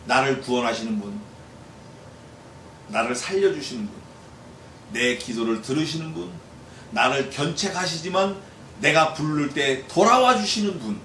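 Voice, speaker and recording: A male pastor giving a Bible exposition sermon in a lively way, acting out quoted voices and putting questions to the congregation. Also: fairly high pitch, moderate pace, long pauses. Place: church hall. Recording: echoey church hall, distant mic, faint noise.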